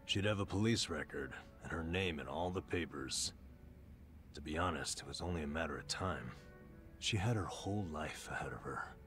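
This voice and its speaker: A man's voice: a bass voice, expressive, normal speed, fairly bright tone, faint music behind. An actor playing a weary, self-loathing middle-aged man in a dramatic video game scene. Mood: bitter, self-loathing.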